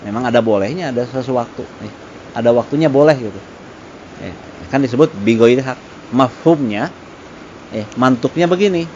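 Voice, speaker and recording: Male religious teacher, relaxed conversational lesson with Arabic recitation; muffled lo-fi recording. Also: mid-range voice, moderate pace. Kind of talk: casual religious study lesson. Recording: dull lo-fi with faint noise.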